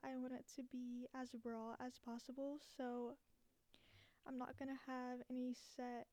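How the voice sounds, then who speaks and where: A young woman hosts a casual solo podcast from under a blanket, her high voice edged with heavy vocal fry. She speaks slowly and slightly breathily, in a giggly, self-deprecating way. The sound is close and very dry. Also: mellow, no echo. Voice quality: muffled, as if talking under a blanket. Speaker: podcast host. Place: small dorm room, under a blanket. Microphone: cheap basic recording gear, close up.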